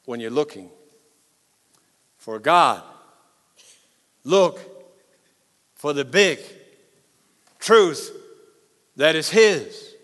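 A male preacher delivers a sermon with authority and emphasis, his voice pitched high and bright. He speaks slowly in short, deliberate phrases. The sound carries a long reverb from a large hall. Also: big pitch swings. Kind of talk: sermon to a congregation and broadcast audience.

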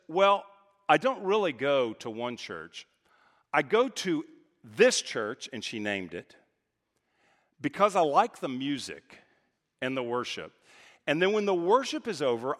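A man from Texas preaching a sermon as pastor, talking with emphatic swings from loud, high points to quiet, low asides. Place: church sanctuary. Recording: reverberant church hall.

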